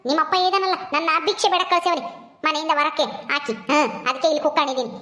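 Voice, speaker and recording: A bitter older village mother, played by a woman, who scolds everyone. Her voice is very high and her words come quickly. This is a comic village skit. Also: bright, forceful tone. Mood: scolding. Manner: scolding, quarrelsome.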